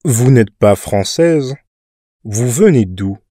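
Actor as a friendly man in a park, slow, warm and mellow voice, dry studio sound. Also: mid-range voice, animated, dry recording. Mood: polite. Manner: slow, polite questioning. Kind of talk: scripted language-lesson dialogue.

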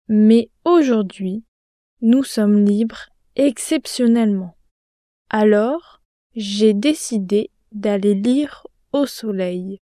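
Actress as a calm young student in a language-lesson dialogue, slow and mellow, dry studio sound. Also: female voice, a little high, no room sound. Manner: slow, careful, clearly articulated.

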